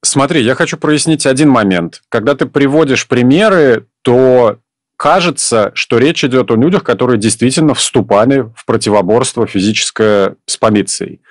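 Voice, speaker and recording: A man's voice: mid-range voice, normal speed, no echo, clean studio sound. Male news host asking probing questions.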